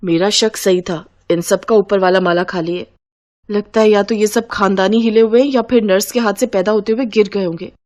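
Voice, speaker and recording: A woman voicing a young bride in a cartoon, exasperated and muttering sharp asides about her in-laws. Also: medium pitch, fairly even intonation, normal speed, natural voice. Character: young bride Anjali, sharp-tongued and grumbling.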